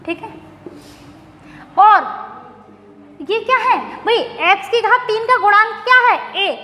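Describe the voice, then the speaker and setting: Woman maths teacher, very high pitch, roomy echo, quizzing the class and answering herself. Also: sharp tone. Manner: questions and answers herself, repeats key words. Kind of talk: classroom lecture. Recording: echoey room with faint noise.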